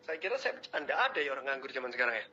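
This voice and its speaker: A man giving a motivational webinar talk, lecturing and teasing his audience in an animated way. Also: medium pitch, rapid-fire. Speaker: webinar speaker. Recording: muffled webinar audio.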